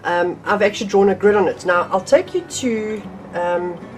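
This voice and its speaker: With soft music in the background and poor audio quality, a middle-aged woman teaches drawing from her home art room at normal speed in a mid-range voice. Her casual tutorial is chatty, slightly nasal from a cold, and full of ums and restarts.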